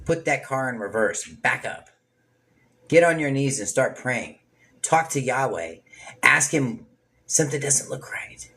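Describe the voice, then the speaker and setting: A man's voice: medium pitch, measured pace. A man leading an informal Bible study sermon, talking straight to his listeners with asides and acting out what people say. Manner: casual, preachy, talks straight to listeners with asides; animated, acts out people's words in varied voices.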